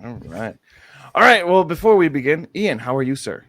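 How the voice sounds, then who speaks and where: A man's voice: big pitch swings, normal speed, a bit bright. A man hosting a pre-show, trading playful jokes with a jokey manner. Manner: jokey, playful, swings his pitch around. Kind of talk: joking pre-show banter.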